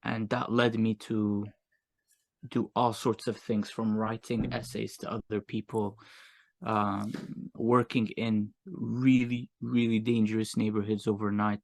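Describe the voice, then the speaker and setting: Gravelly flat-voiced Moroccan-accented man. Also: lowish voice, unhurried. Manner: reflective, casual slang. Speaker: guest, agency owner. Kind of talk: candid interview storytelling.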